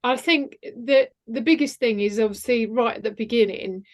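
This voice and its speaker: A woman's voice: a little high, normal speed. A middle-aged woman, talking earnestly and frankly as a guest on a podcast interview. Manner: emphatic, candid, earnest. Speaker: guest, executive mentor and coach.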